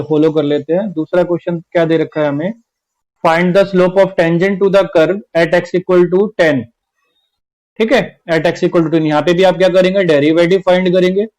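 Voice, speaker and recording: In a low-quality recording, a man with a high, darkish voice runs an online class-twelve maths lesson. He takes it step by step, repeats each key point, and keeps saying "theek hai".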